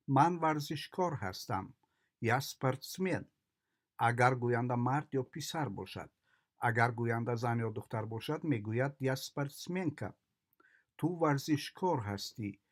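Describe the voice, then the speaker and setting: A male language teacher works through words and simple sentences one at a time. His delivery is slow and methodical, and he repeats each pattern in the same steady way. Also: mid-range voice. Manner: deliberate, repeats phrases in patterns. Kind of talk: slow drilling of vocabulary.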